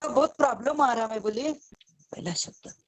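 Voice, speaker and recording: A woman's voice: a little high, normal speed. A woman calling into an online quiz game over a choppy, bad connection, repeatedly saying hello as her voice breaks up. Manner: keeps saying hello over the broken line. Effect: choppy bad connection on a video call.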